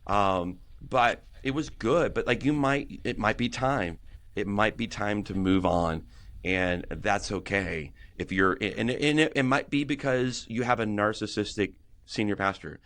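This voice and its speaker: Middle-aged male pastor guest, earnest, rambly, restarts a lot, lower register. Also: unhurried, a bit bright. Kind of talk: casual podcast conversation.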